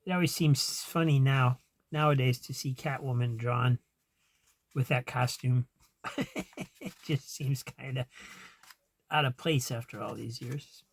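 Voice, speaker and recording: A man's voice: mid-range voice, steady tone, unhurried, vocal fry, pauses often, no echo. Rambling, chuckling male vlogger. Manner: rambling, chuckles to himself, trails off. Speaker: comic collector vlogger. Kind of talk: casual chat.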